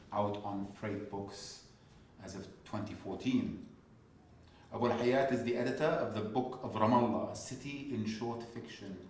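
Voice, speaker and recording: A man hosting a poetry reading, reading out guest introductions with many pauses, fillers and restarts. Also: on the low side, a little mellow, slight background noise. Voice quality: hesitant, halting delivery. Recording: echoey room, far from the mic.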